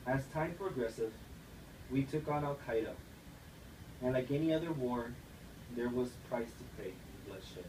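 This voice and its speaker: A man's voice: mid-range voice, animated, a little slow, long pauses. A young man from the United States giving an earnest persuasive speech, read aloud like a class assignment. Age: young adult. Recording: echoey room, distant mic, noisy.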